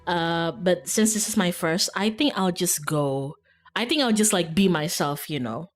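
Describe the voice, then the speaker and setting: A woman with a fairly low, unhurried voice livestreams a visual novel, reading the game text aloud while faint game music plays behind her. She keeps breaking off into playful, self-teasing, casual asides to her viewers.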